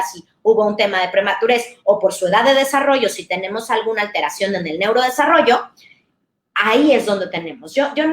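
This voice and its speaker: A woman talks to parents as a speech therapist, warm and conversational, giving plenty of examples. Her voice sits a little high. The room echoes around her. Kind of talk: talk to parents.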